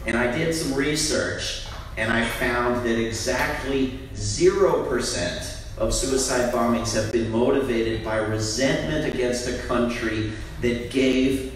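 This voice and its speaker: A man giving an impassioned speech on a panel, often restarting his sentences. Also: mid-range voice. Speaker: panel speaker, antiwar group director. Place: large indoor event room. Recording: very echoey room, distant mic, faint background noise.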